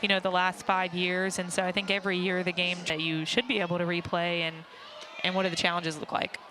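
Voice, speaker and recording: A woman giving explanatory color commentary on a live softball game. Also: lowish voice, level tone, fast. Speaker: color analyst. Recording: noisy stadium crowd behind commentary. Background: crowd and outdoor ballpark noise.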